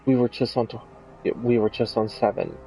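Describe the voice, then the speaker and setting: A man giving casual gameplay commentary, explaining things in a halting way. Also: mid-range voice, flat delivery, mellow, faint music behind, rough recording. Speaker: gamer commentating on own play.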